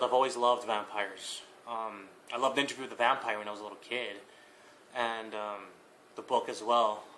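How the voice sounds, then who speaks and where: A young man answering viewer questions in a casual vlog, hesitant, with many fillers, pauses and small laughs. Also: medium pitch, sharp tone, slight background noise.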